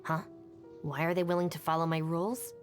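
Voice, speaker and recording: Soft music sits beneath a deep female voice with fairly even intonation, lightly acted, as an actress voices a young gang deputy in a video game. The character comes across as capable, no-nonsense and dryly confident, speaking in a brisk, composed, matter-of-fact way.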